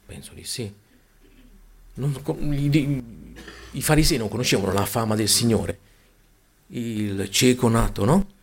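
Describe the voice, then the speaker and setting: A man preaching a sermon, swinging between loud exclamations and hushed, near-whispered lines. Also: mid-range voice, unhurried, pauses often, slightly rough.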